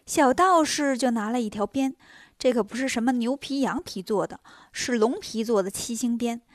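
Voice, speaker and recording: A woman narrating a children's story in a lively, expressive, scripted manner. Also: on the high side, moderate pace, dry recording, studio quality.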